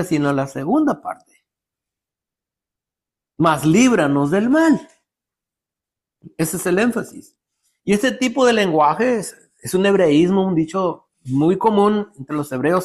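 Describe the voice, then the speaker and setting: A man leads a Bible study in a fairly high voice. He reads scripture slowly and then explains it in plain words, often pausing to ask "ok?". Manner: checks in with a frequent "ok?"; reads verses aloud slowly and explains them. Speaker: Bible teacher.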